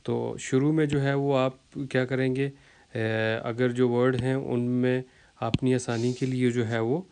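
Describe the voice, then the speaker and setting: A man teaching a vocabulary lesson who speaks. He repeats each word slowly and uses many fillers as he explains. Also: medium pitch, flat delivery, darkish tone, slight background noise. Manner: slow, repeats words to drill pronunciation, many fillers. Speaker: language teacher.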